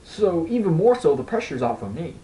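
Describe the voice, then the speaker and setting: A man's voice: fairly high pitch, brisk, low-quality recording. Young man telling rambling comic stories. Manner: rambling, animated, breaks into laughs, acts out voices. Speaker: stand-up storyteller. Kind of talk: casual comedic storytelling to camera.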